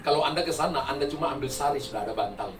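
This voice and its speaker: A man's voice: mid-range voice, very fast, noisy background. A man pastor preaching a sermon to a congregation, telling funny stories and laughing often as he goes. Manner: humorous storytelling, laughing often. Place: church hall. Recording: roomy echo from far mic, music. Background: music.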